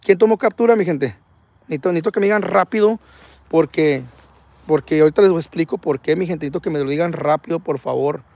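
A man hosting a live ghost-hunting stream outdoors at night, talking excitably in slang and reading viewer comments aloud. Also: fairly high pitch, fast talker, dry recording. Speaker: paranormal livestream host.

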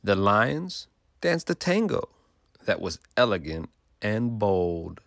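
A man's voice: fairly low pitch, big pitch swings, takes it slowly, creaky, dry recording, clean studio sound. A male teacher reading a rhyming picture book aloud to children in a sing-song way, stopping to ask them questions.

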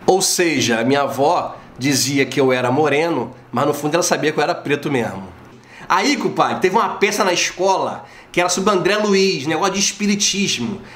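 A slightly fast-talking man in his forties with a somewhat high voice and a Rio de Janeiro Portuguese accent delivers a casual, slangy opinion vlog from his living room. He tells stories animatedly and imitates the voices he quotes. The close camera picks up a roomy echo from the home room.

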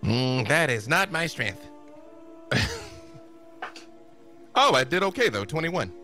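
A man's voice: on the high side, very animated, slow, bright, forceful tone. A man bantering casually as a player in a tabletop role-play game. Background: music.

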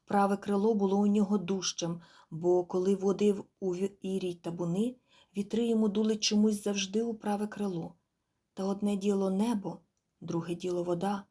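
A woman narrating an audiobook in a measured, quiet, expressive storytelling manner. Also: medium pitch, husky. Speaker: audiobook reader. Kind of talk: scripted narration.

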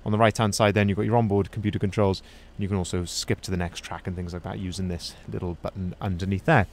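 Filmed first-person on a handheld phone at an outdoor dealership lot, a young van sales manager gives an upbeat walkaround review, noting both features and flaws. His deep voice is steady in tone and a little mellow, and he talks fast.

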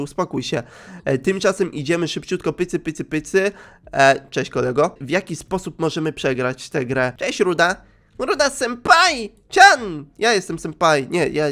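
A man with a high, light voice hosts a game playthrough. He is restless and animated, makes goofy sound effects, and swings from loud outbursts down to muttered asides. He sounds like a gaming host chatting straight to his viewers. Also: normal speed. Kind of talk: energetic let's-play commentary.

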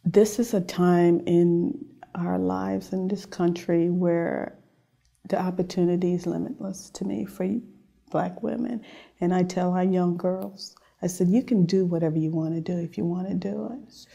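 A woman's voice: fairly low pitch, steady tone, a little slow, gravelly, warm tone. A middle-aged woman from Trinidad and Tobago, an officer speaking earnestly in a studio interview. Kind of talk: personal interview.

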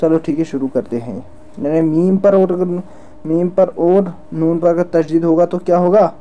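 A man teaching Quran reading, who slowly repeats syllables and stretches and stresses the doubled letters. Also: fairly high pitch, mellow, dull audio. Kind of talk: slow recitation lesson with drills.

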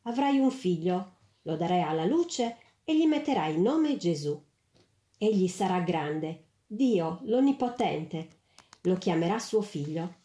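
A woman voicing a hesitant male angel messenger in a storybook reading, gentle and earnest, in a roomy space. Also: lowish voice, sing-song, a little slow. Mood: solemn. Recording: roomy echo.

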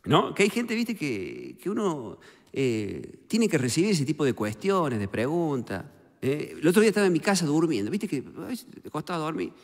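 A man's voice: a little high, wildly swooping pitch, moderate pace, in a large hall. A man from Córdoba, Argentina, with a Cordobés accent, doing a stand-up routine in a chatty joke-telling way full of little "viste" and "eh" tags. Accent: Cordobés Argentine Spanish. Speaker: stand-up comedian.

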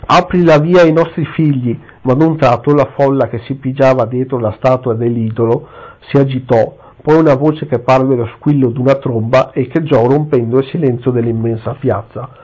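A man's voice: medium pitch, fairly even intonation, normal speed, dark tone. Man reading an adventure novel aloud. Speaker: reader. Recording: slightly dull lo-fi recording.

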